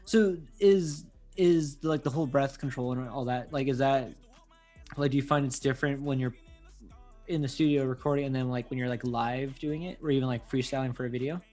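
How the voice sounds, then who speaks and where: A man's voice: mid-range voice, fairly even intonation, brisk, dark tone, soft background music. A man hosting a casual interview, laid-back and curious, asking questions with lots of fillers. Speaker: podcast host.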